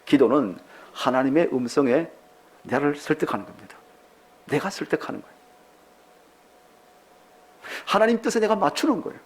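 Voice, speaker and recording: Animated male pastor preaching. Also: on the high side, normal speed, long pauses, husky. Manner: animated, many rhetorical questions to the congregation. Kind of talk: sermon.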